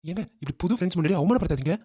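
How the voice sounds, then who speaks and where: A pert, theatrical young cartoon wife who can turn on fake tears at will, voiced by an actor. She rattles off her lines at a very fast clip. The sound is dry and narrow, like it came over a phone line. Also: medium pitch, expressive, husky, no room sound. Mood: defiant. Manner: pert, quick, dramatic. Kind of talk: cartoon family drama dubbing.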